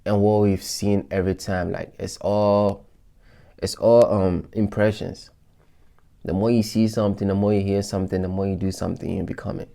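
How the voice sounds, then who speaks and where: His voice is low, creaky and dark, with little pitch movement, and he talks at a normal speed. In a relaxed, reflective vlog, he walks his followers through his goals, using lots of fillers and loose restarts to motivate them.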